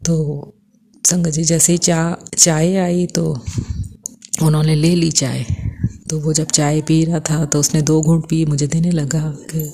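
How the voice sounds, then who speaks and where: A woman in her forties with a Punjabi accent tells a devotional testimony in a low, mellow voice. She keeps her delivery level, with little rise or fall. She earnestly addresses the congregation again and again. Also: level tone, measured pace, husky.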